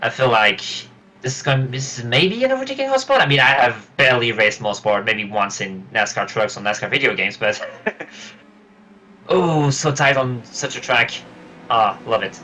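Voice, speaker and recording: A man offering color commentary for an online racing stream, his pitch leaping about in lively, animated swings. He is excitable and chatty, cheering bold moves. His line carries a clear layer of background noise. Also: moderate pace, rough recording. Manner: excitable, laughs easily, animated reactions.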